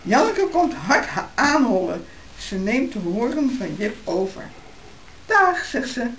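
Older grandmother, gentle reader, slow, lively pitch, echoey room with hiss. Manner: gentle, encouraging. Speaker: grandmother babysitting. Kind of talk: reading a picture book aloud to a child. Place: home, indoors.

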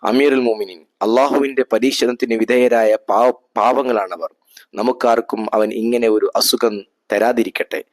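A man's voice: medium pitch, darkish tone, dry recording, lightly acted. A man voicing a pious, honest male adviser in a spoken history story, talking earnestly and reflectively. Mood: persuasive.

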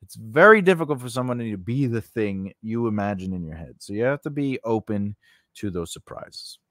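Fairly low-pitched yet expressive and a bit bright, the host talks at a moderate pace through an informal screenwriting lesson. The dry recording is made close on a large condenser mic on a boom arm in a small home studio. He drifts conversationally, leaning on "you know" and "right?"

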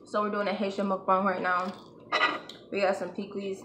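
A woman's voice: mid-range voice, flat delivery, normal speed, very noisy. Chatty woman eating on camera, echoey room. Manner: chatty and upbeat, talks between bites. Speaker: vlogger hosting a food-eating video. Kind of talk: casual chat while eating. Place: home, at a table with food. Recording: echoey room with clattering dishes. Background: clinking cutlery and dishes.

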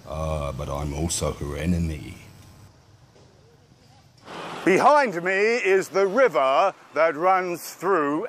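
An older man hosting a casual travel vlog, chatting wryly with passengers and narrating in a reflective tone. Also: lowish voice. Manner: chatty, wry interviewer. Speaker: vlogger host. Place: tuk-tuk and outdoor temple grounds. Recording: outdoor recording with clear street noise.

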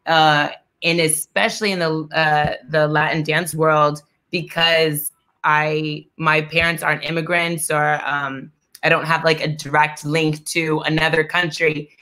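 A woman's voice: deep voice, level tone, unhurried, bright, forceful tone. A woman from Texas speaking reflectively and casually on a video call. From United States, Texas. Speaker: panelist, dancer. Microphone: laptop mic on video call.

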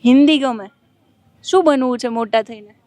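High-voiced woman reporter, playful questions. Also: moderate pace, darkish tone, no echo. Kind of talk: on-location interview with schoolchildren. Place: outside at a girls' school.

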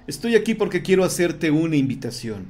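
A man doing a falsely gentle cult leader. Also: fairly high pitch, fairly quick, soft background music, pitched above the performer's own voice. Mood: feigned calm. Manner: soft, calm, falsely warm.

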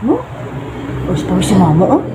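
A woman's voice: mid-range voice, wildly swooping pitch, fairly quick, noisy background. A young Filipino woman with a Filipino accent, casually vlogging at home, switching between playful baby talk to her son and chatty asides to viewers, often laughing. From Philippines. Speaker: vlogger and mother. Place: home living room.

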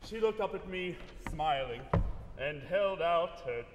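A man playing a fatherly old army sergeant in spoken opera dialogue on stage, a warm, teasing storyteller who turns blustery when alarmed. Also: fairly high pitch, animated, measured pace, background noise. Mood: fond. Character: gruff fatherly older army sergeant, doting and protective. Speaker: opera singer-actor. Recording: echoey hall from off-mic, with music.

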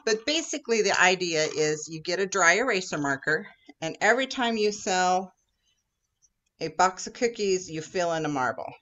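An upbeat woman with a slightly low voice explains things to children in a friendly instructional video. She talks like a troop leader and sometimes acts out the people she describes. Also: animated, moderate pace, fairly bright tone, lo-fi sound. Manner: upbeat, friendly teacher talk that acts out customer exchanges. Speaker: Girl Scout troop leader.

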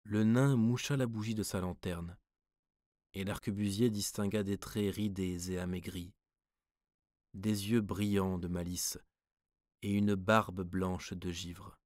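A man reading prose poems aloud as an audiobook narrator, measured and expressive. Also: sits low, no room sound, studio quality. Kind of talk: scripted literary narration.

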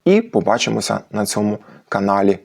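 A man hosting a language channel, patiently explaining language history and slowing down to stress each example word. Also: fairly low pitch, very animated, creaky. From Ukraine. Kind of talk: educational talk on language history.

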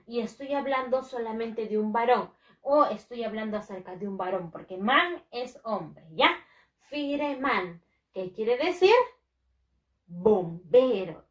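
Young woman teaching kids english, high voice, slow and drawn out, lots of praise. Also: reverberant, low-quality recording. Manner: slow drilled pronunciation, repeating each word in Spanish; praises often, voices pupil answers herself. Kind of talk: bilingual lesson for young children.

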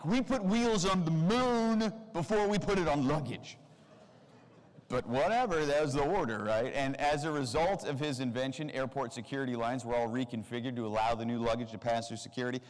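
A man in his forties giving a comedic keynote talk on a convention stage, animated, with sarcastic asides and big jumps in pitch. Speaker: keynote speaker. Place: large convention hall stage. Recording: long hall reverb.

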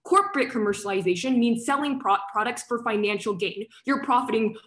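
A young woman argues her side in a competitive debate, rapid and assertive, speaking over a video call. Her voice runs somewhat high. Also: fairly bright tone. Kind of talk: fast competitive debate speech.

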